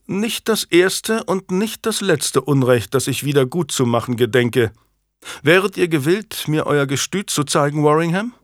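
Picture a genial, self-assured young king in an audiobook, his voice pitched up and lively, smiling through every line, as a male narrator plays him. The sound is dry and close, with no room around it. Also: a little slow, dry recording. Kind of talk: audiobook character voice.

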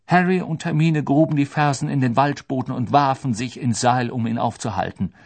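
A man reading an audiobook as narrator, expressive and lively. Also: mid-range voice, moderate pace, slightly rough. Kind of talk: scripted narration.

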